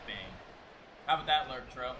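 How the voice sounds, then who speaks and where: A man's voice: medium pitch, expressive, brisk, background noise. A young man streaming a football game, reacting casually with brash, slangy trash talk and taunts. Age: young adult. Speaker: gamer streamer. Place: small room at home, indoors. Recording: loud game audio behind voice. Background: football game sound, commentary.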